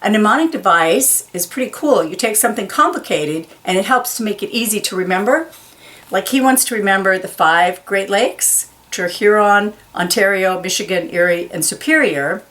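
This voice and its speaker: A picture book for children is read aloud by a woman with a medium-pitched, fairly bright voice. She speaks slowly and deliberately, carefully stressing and enunciating key words and explaining them plainly for young listeners.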